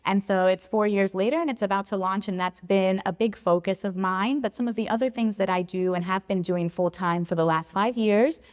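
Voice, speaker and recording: A woman in her thirties, a travel blogger raised in Philadelphia and born in Puerto Rico, telling her story in a clear, articulate podcast interview. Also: mid-range voice, brisk, few pauses, darkish tone, long reverb tail.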